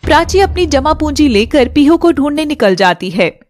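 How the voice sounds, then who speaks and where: A woman narrating a dramatic animated story, earnest and emotional, turning to speak to viewers directly. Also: high-pitched, moderate pace, no echo.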